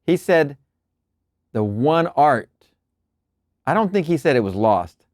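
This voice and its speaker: A man hosting a show, reading spiritual lecture passages aloud in a measured, deliberate way and breaking off for relaxed asides and quiet chuckles. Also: fairly high pitch, dry recording, studio quality. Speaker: host reading and explaining lectures. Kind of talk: reading aloud with casual commentary.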